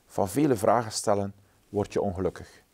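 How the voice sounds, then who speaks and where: A man voicing a cheerful but dismissive fox in a storybook reading, lecturing briskly. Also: fairly low pitch, a little mellow, dry recording, natural voice. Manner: brushing off, lecturing.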